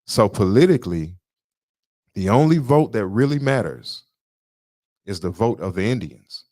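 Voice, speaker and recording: A man's voice: fairly low pitch, expressive, unhurried, a little mellow, dry recording, studio quality. A man co-hosting a podcast, lecturing in an emphatic way and repeating his points. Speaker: podcast co-host. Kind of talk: casual political talk.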